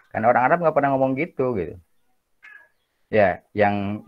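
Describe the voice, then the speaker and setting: Sex: man. Style: chatty lecture, low, muffled. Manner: chatty, jokey, peppers talk with tag questions. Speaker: university lecturer. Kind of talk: casual classroom lecture.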